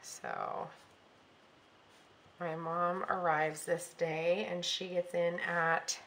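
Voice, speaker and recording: Chatty bright-voiced woman planning aloud. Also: fairly low pitch, level tone, very slow, a little hiss or hum. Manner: chatty, thinking aloud with frequent ums and self-corrections. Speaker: planner vlogger. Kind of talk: casual planning walkthrough.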